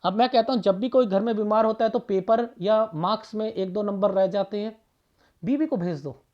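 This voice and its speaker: A man's voice: high-pitched, normal speed, darkish tone, muffled recording. A man reading a palm aloud for viewers as a palmist, firing off rhetorical questions and repeating phrases for emphasis.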